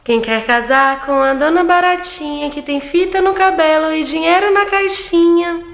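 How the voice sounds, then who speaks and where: A woman voicing an excitable little female cockroach in a children's story, with a dramatic, exclaiming delivery. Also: high voice, moderate pace. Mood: eager, coquettish. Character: animated little female cockroach seeking a husband, easily startled. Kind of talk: children's audio story acting. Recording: echoey, long reverb, music behind.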